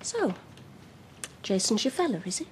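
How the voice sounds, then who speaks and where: A woman's voice: medium pitch, sing-song, moderate pace, a little mellow, slight background noise, close to an everyday voice. An actress playing a stern, sarcastic middle-aged mother, scolding her grown daughter in a television drama. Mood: scornful. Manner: cutting, sarcastic. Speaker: mother and grandmother.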